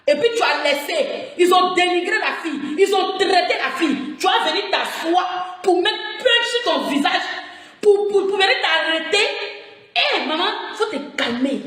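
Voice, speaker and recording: A high-voiced woman with an Ivorian French accent, heated and taunting, her pitch swinging widely as she mocks in a sing-song tone. She streams live from her phone, and the room around her is full of strong echo. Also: a bit bright. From Côte d'Ivoire. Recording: very echoey room sound.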